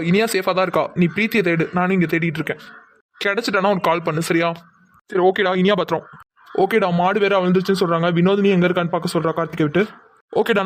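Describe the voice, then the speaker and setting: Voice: mid-range voice, a little hiss or hum, close to an everyday voice. A voice actor playing a bossy, protective young man in a cartoon who gives orders. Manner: bossy, commanding.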